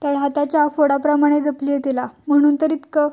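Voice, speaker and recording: A woman's voice: high voice, completely flat delivery, brisk, warm tone, lightly acted. A woman voicing a worried village mother-in-law who protests defensively while she retells a TV serial episode.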